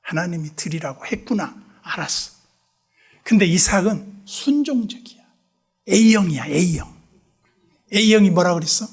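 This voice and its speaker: A man preaching a revival sermon in a church, telling stories animatedly and acting out both sides of dialogues, dropping to hushed asides. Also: high voice, lively intonation, takes it slowly, long pauses, slightly rough. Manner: drops to hushed whispers for asides. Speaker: pastor. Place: church sanctuary.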